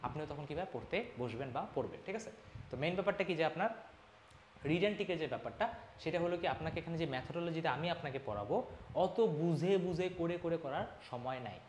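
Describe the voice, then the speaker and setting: Speaking quickly and with emphasis, a young instructor of an admissions class rallies his students in a lively pep talk, moving back and forth between formal and casual forms of address. His voice is fairly high, and the echoing room carries a low ambient hum.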